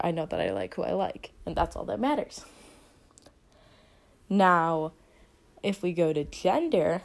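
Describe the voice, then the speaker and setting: A young woman hosting a casual solo podcast, talking in a chatty, rambling way and saying "like" a lot. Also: medium pitch. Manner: chatty, rambling, heavy use of "like". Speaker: podcast host.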